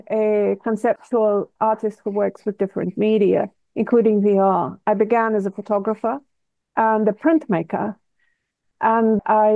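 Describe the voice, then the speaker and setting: A woman's voice: medium pitch, no room sound. Russian-accented woman on a tinny line. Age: 50s. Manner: measured, deliberate, searches for words. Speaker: guest artist. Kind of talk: interview answers. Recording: tinny phone-like line, dry.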